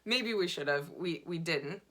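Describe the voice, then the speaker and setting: A woman vlogger telling a dating story in a chatty, animated way, full of fillers. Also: on the low side, unhurried. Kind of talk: casual dating storytelling to camera.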